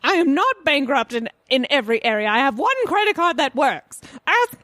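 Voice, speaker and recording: A woman in an improvised comedy scene, talking briskly and deadpan. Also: sits high, dry recording.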